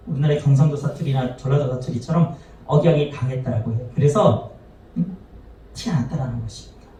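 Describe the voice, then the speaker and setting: A male pastor delivers a sermon in a high, mellow voice, often turning to the congregation with rhetorical questions and playing out the quoted lines. He stands well back from the microphone. His voice rings through a very reverberant church hall. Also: a little hiss or hum. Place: church sanctuary. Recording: very echoey hall, voice from far off.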